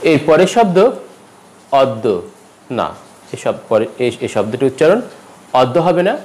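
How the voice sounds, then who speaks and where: A man giving a pronunciation lesson, repeating each word slowly and carefully, with a rise in pitch at every new word. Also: low-quality recording. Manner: lively teacherly stress, rises at each new word. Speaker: language teacher.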